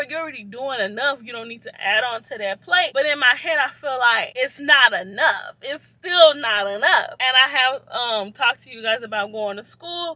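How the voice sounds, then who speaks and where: Woman, 30s, casual vlogger recording in a parked car; chatty, encouraging, bright tone. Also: a little high, no echo. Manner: chatty, addresses viewers as y'all. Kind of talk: casual encouraging talk to camera.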